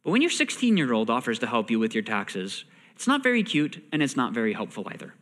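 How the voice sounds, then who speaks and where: Animated preacher man in a reverberant hall. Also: medium pitch, quick pace. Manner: reads scripture aloud and explains it conversationally; animated, acts out characters' lines. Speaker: pastor. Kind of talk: sermon.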